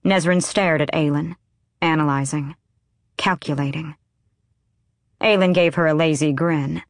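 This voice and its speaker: Woman reading a fantasy audiobook, low voice, dry close sound, measured pace. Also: fairly even intonation, no echo. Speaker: audiobook narrator. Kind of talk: scripted narration.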